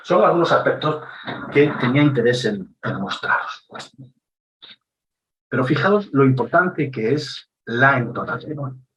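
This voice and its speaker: A man with a Spanish accent from Spain giving an instructive talk on public speaking, deliberate and emphatic, using pauses and shifting intonation for effect. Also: medium pitch, big pitch swings, a bit bright, lo-fi sound. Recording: roomy echo, somewhat distant mic.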